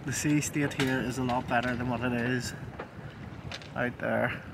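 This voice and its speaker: Here the vlogger's voice sits at medium pitch, unhurried and creaky. He is a Northern Irish man giving casual, chatty narration to a close-held action camera aboard a small sailboat, outdoors and in its cabin, relaxed and informal with easy fillers. Expect windy outdoor audio with wind and water in the background.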